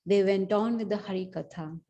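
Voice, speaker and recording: A woman's voice: mid-range voice, fairly quick, mellow, highs cut off. A woman giving a scripture class, telling the story in a conversational way with many asides. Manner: conversational storytelling, frequent "you know". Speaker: class speaker.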